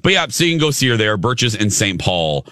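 A man with a low voice hosts a casual chat in a playful, rambling way. The sound is dry and close. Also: very animated, fairly quick, pushed and bright, dry recording. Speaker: talk show host. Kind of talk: casual banter.

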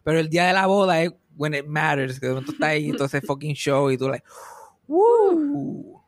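A Puerto Rican man in his thirties tells jokes in an animated, casual chat, switching into English now and then. His voice sits high for a man. The sound is dry and close to the mic. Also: quick pace, no echo. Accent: Puerto Rican Spanish. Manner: joking, animated, slips into English.

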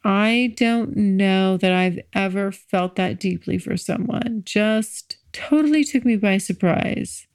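Unhurried, sleepy woman with a clear voice. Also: dry recording. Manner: low-key, unhurried, drawn-out delivery. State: sleepy, drowsy. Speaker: podcast host. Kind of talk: casual confessional solo podcast talk.

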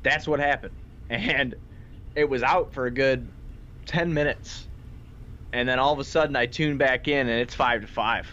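A man's voice: mid-range voice, normal speed, pauses often, a bit bright. Slangy male sports podcaster, lo-fi sound. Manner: informal, slangy. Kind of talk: casual game recap chat. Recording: dull lo-fi sound with faint noise.

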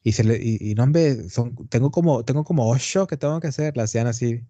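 Slangy northern Mexican man, mellow voice. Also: medium pitch, fairly quick, no echo, dull audio. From Tamaulipas, northern Mexico. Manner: rambling and animated, slangy, peppers lines with "güey". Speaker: podcast host. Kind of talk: casual chat.

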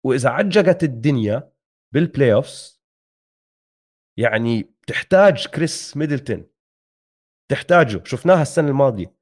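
A man's voice: medium pitch, lively intonation, brisk, pauses often, darkish tone. A man with a Levantine Arabic accent giving casual basketball analysis, mixing English sports terms into his Arabic. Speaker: sports talk show co-host.

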